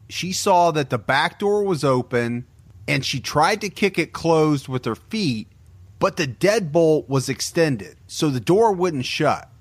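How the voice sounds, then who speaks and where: A man narrates a true-crime script slowly and gravely, his voice sitting a bit higher than most men's. He tells the story in a measured, deliberate way, like a podcast co-host reading prepared copy.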